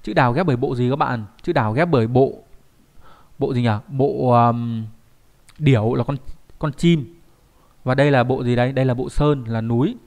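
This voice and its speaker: A man teaches kanji in an online lesson. His pitch sits in the middle range. He keeps checking in with the class through rhetorical questions as he explains. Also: moderate pace, pauses often, darkish tone.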